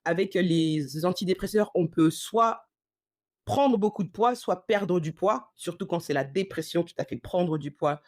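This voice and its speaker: A woman hosting a casual storytelling podcast, animated and slangy, acting out the dialogue as she tells it. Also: on the low side, measured pace, no room sound, clean studio sound. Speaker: podcast host.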